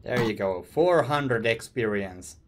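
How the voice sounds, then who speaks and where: Against a noisy background, the young Finnish streamer talks slowly and expressively in a mid-range voice, his Finnish accent clear. He muses casually about the game for viewers from a small indoor room.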